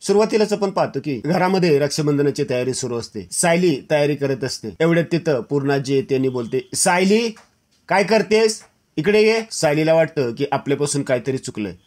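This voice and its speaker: A man narrating a summary of a TV serial episode in a steady storytelling manner. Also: medium pitch, brisk, few pauses. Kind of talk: scripted episode retelling.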